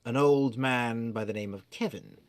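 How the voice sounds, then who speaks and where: A man running a tabletop game as storyteller, narrating theatrically and sometimes dropping to hushed tones. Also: mid-range voice, moderate pace, smooth. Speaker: game master.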